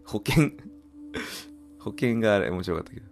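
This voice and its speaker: A man's voice: fairly low pitch, expressive, moderate pace, a little mellow. A man doing casual game commentary, reacting aloud and putting questions to viewers about what is on screen. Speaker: gamer playing and commentating. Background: game music.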